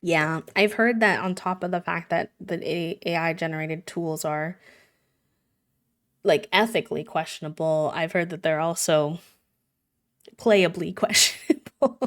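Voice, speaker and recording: A woman's voice: sits low, steady tone, normal speed. A woman livestreamer chatting earnestly with her viewers, talking casually with lots of "like"s. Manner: earnest, conversational, many "like"s. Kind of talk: casual live-stream chat.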